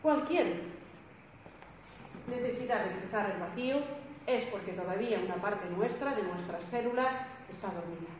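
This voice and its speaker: A woman's voice: mid-range voice, moderate pace, darkish tone. A woman giving an emphatic spiritual talk to a group, repeating phrases and acting out what people said. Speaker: spiritual speaker. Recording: echoey hall, some background noise.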